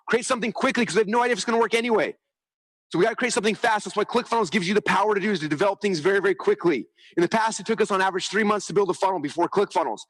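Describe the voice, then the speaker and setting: A man's voice: high-pitched, rough recording. A man giving a live marketing talk at a conference, telling stories energetically, acting out quotes and often checking in with "okay?". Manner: energetic, animated storytelling, acts out quotes; repeats "okay?" to check with the audience. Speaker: conference speaker. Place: conference hall.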